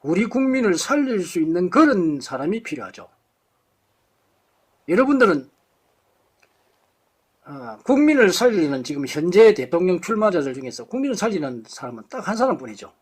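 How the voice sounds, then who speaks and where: A man's voice: high-pitched, big pitch swings, normal speed, pauses often, breathy edge. A man giving an impassioned political lecture to a live audience, firing off rhetorical questions and blunt insults.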